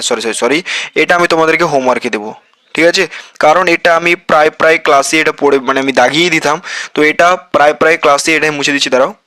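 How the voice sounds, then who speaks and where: Bright-voiced man teaching a quiz lesson. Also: on the high side, no echo. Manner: reads each question, then answers it himself; calls listeners "bhai", repeats himself and self-corrects. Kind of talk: exam-prep quiz lesson.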